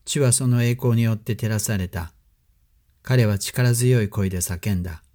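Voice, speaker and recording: A man giving a measured, solemn scripture reading as a scripted narration. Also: lowish voice, dark tone. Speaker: scripture reader.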